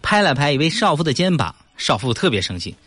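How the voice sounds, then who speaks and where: A man telling a string of jokes in a playful, lively way. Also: fairly high pitch, fast, husky, no echo. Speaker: joke teller. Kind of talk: casual joke telling.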